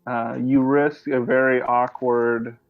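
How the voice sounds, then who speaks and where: A man running a tabletop game as game master, describing scenes in an unhurried way. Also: mid-range voice, level tone, dry recording. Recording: tinny phone-like line.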